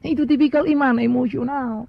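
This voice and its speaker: Gravelly high-voiced Indonesian pastor preaching. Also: male voice, steady tone, a little fast, dry recording. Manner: storytelling with rhetorical questions and English asides. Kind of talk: sermon. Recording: dry, dull lo-fi sound.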